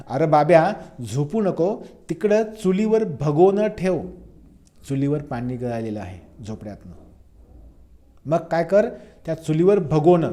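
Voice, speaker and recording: Mellow-voiced male teacher explaining a poem. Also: medium pitch. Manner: repeats lines slowly and glosses dialect words. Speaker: college teacher.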